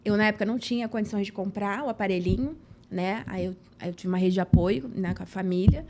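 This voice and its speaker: A woman's voice: mid-range voice, quick pace, noisy background. A woman, a podcast guest telling a personal story earnestly and acting out the dialogue. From São Gonçalo, Rio de Janeiro state, Brazil. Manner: acts out dialogue, earnest and emotional.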